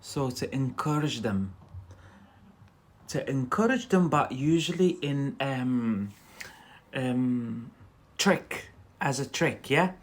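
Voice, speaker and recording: Chatting with viewers on a livestream, this English teacher leads a casual lesson in an animated, mid-range voice. He or she speaks haltingly and repeats words as drills.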